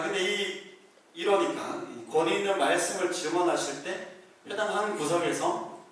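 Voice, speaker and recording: A man with a fairly high voice preaches in a relaxed, talky way, acting out the scenes as he goes. The room is very echoey, and he sounds some way from the mic, with faint noise underneath. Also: recorded from a distance. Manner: lively storytelling, acting out scenes. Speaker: pastor. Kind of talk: conversational sermon. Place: small church room.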